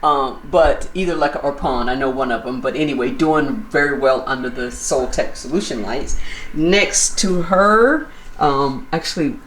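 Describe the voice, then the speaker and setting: A woman's voice: extremely low pitch, moderate pace, slight background noise. A woman vlogger giving a chatty, enthusiastic tour of her plant collection while filming handheld. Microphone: handheld camera moved while filming.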